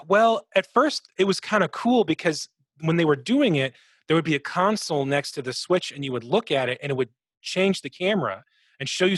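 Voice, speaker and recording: Co-hosting a podcast, a man chats casually about games, swearing freely and imitating sound effects. His voice is a little high and a bit bright, with no echo.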